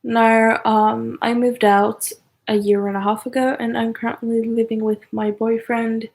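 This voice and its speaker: A young woman in her twenties chats on a livestream from her apartment, talking slowly and unhurriedly. Her voice has a gravelly, creaky edge, and she hesitates often, leaning on fillers and small apologies. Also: on the high side, flat delivery, darkish tone. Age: 20s. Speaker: YouTuber on a livestream. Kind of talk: casual livestream chat.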